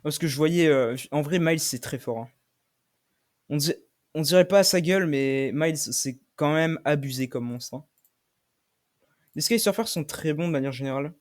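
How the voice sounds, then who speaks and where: A young man commentating his own game play, swearing often and shouting when he loses. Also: on the high side, normal speed, pauses often. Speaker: gaming streamer.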